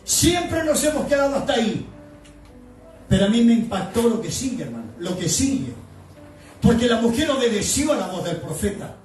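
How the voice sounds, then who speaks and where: High-voiced pastor preaching fervently. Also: male voice, sing-song, normal speed, soft background music. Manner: fervent preaching, shouts emphatic lines, asks the congregation questions. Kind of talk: evangelical sermon. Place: church sanctuary. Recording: echoey hall, speaker far from mic.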